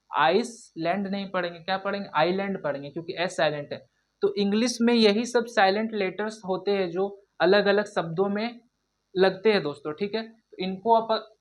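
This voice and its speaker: A woman teaching an online English lesson in Hindi, explaining silent letters and drilling each word with repeated questions and answers. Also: medium pitch. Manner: repeats questions and answers, addresses viewers as friends.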